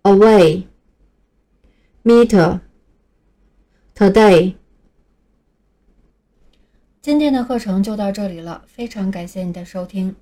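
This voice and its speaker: Female teacher for a beginner pronunciation lesson. Mellow, even delivery, patient, reads new words slowly and spells them out. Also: medium pitch. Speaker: English teacher.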